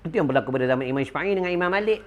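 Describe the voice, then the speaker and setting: Malaysian religious teacher, middle-aged man, higher than usual pitch, animated lecture with audience asides. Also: racing, soft background music. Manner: animated storytelling with call-and-response fillers.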